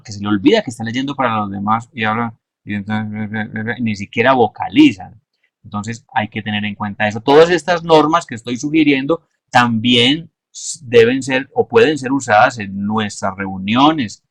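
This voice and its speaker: A man giving a measured, explanatory lesson and stressing his key points. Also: medium pitch, no echo. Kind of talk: instructional talk.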